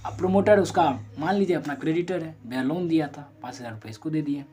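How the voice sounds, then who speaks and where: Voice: medium pitch, fast, mellow. Conversational teacher walking through examples. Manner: explains step by step with worked number examples, talks straight to students; conversational, self-correcting, asks and answers own questions. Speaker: commerce teacher. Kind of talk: recorded accounting lesson.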